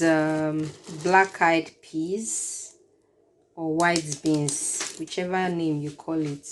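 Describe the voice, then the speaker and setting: A woman's voice: on the low side, a little mellow. A woman, chatting casually as she walks viewers through a cooking demonstration and explains each ingredient. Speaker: cooking vlogger.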